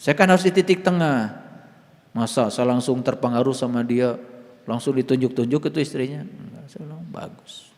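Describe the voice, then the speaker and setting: A male Islamic spiritual teacher with a Sundanese accent gives an informal sermon, talking conversationally and swinging between soft murmurs and loud, emphatic stresses. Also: medium pitch, brisk. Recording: long hall reverb.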